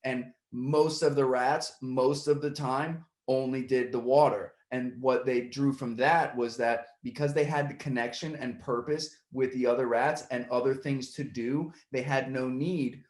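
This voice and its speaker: A podcast host from the Puerto Rican side of his family talks casually in a mid-range voice, his tone steady and his pace a little slow with hardly any pauses. He rambles in long stretches, restarting often, and gets worked up when retelling a story. The sound is roomy.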